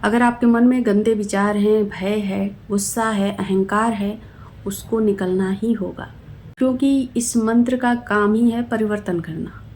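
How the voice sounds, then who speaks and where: A woman speaks at an ordinary medium pitch as a spiritual teacher. Her delivery is calm and instructive, and she addresses her viewers directly. A faint hiss sits under the recording. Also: a little slow. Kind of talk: devotional explainer video.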